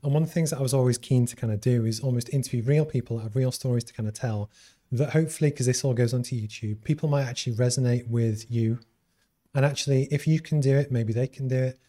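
Fast-talking Scouse host with a mellow voice. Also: male voice, mid-range voice. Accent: light Scouse. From Liverpool, England. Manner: rambling, uses many fillers. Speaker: interview host. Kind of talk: live-streamed business interview.

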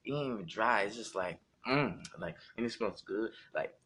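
A man's voice: on the low side, animated, moderate pace, fairly bright tone. A man with a Jamaican accent hosting a casual drinking podcast with playful, profane joking. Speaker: podcast host.

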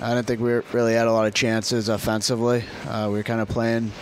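Man with a softened Boston accent. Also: medium pitch, flat delivery, fast talker, a little hiss or hum. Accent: Boston, slightly softened. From Boston, USA. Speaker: hockey player guest. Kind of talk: casual interview answers.

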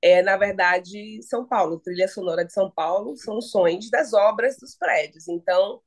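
A woman from Salvador with a Bahian accent, chatting as a podcast guest in a lively, playful way, laughing often. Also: medium pitch, moderate pace. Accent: Bahian Brazilian Portuguese. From Salvador, Bahia, Brazil. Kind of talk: casual podcast chat.

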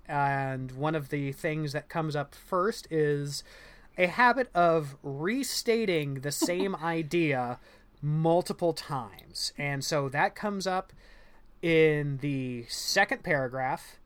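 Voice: mid-range voice, fairly bright tone, clear, resonant tone. A co-host of a casual book discussion podcast who talks loosely and bluntly, with casual swearing and frequent fillers. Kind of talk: casual chat.

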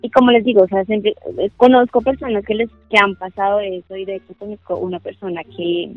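A woman's voice: medium pitch, fairly even intonation, a little fast, no room sound, soft background music. A woman speaking hesitantly in casual podcast chat. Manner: hesitant, full of restarts and fillers. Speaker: podcast co-host. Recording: phone-like dry call audio.

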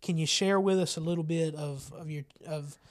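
A man's voice: fairly high pitch, steady tone, normal speed. A man hosting a casual church talk show, asking rambling questions and affirming with amens. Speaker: host. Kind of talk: casual interview.

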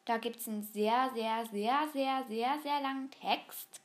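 Woman thinking aloud, slightly high voice. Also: slow. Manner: thinks aloud, hesitant with many fillers and restarts; reads text aloud, skims with bla bla. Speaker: vlogger taking an online quiz. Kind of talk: casual chat reading quiz questions aloud.

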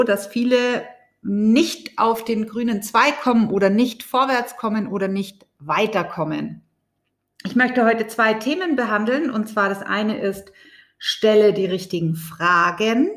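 Woman podcast host, unhurried, off the cuff, chatty spiritual coaching talk. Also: medium pitch. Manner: speaks off the cuff with fillers, warm direct address.

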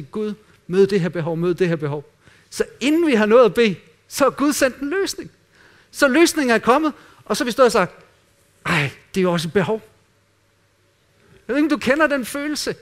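A man preaching a sermon in an earnest way, dropping at times to quiet, intimate asides. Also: high-pitched. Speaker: pastor.

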